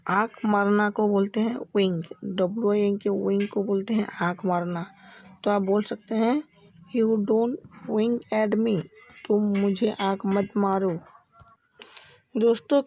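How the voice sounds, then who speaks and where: Lady teacher doing english lessons in hindi, real slow, repeats everything, dark husky voice. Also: medium pitch, no echo. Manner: slow, repeats each phrase several times.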